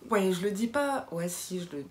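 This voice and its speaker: Talking casually into the camera, this young woman from the Béarn region of southwest France has a slight local accent and a medium-pitched voice. She's chatty and playful, moving at a moderate speed and sprinkling in lively side remarks.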